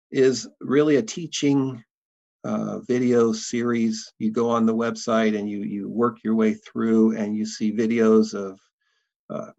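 Male guest, gravelly, hesitant and thoughtful, dull muffled audio. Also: on the low side, a little mellow. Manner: thoughtful, halting with many fillers. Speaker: interview guest, documentary producer. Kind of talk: conversational interview.

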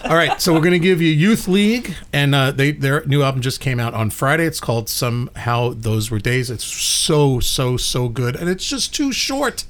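A man's voice: medium pitch, normal speed, hardly any pauses, a bit bright, a little hiss or hum. A man from Brooklyn co-hosting a music podcast in casual chat, joking and laughing as he talks. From Brooklyn, New York. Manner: jokey, laughs while talking. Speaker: podcast co-host.

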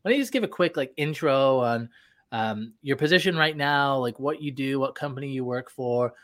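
A man's voice: mid-range voice, moderate pace, fairly bright tone, no room sound, studio quality. A man hosting a live recruiting podcast, upbeat and promotional, a bit nasal from a cold. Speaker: podcast host. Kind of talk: live show chat.

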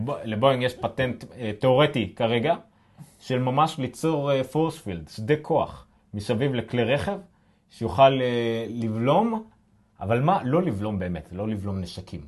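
A man with an Israeli accent co-hosting a casual tech news chat, speaking haltingly as he searches for words. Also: medium pitch. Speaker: podcast co-host.

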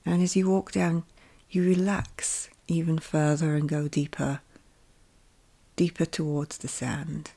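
A woman leading a guided meditation with calm, gentle instructions, her soft voice often drifting into a whisper. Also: deep voice, a little slow.

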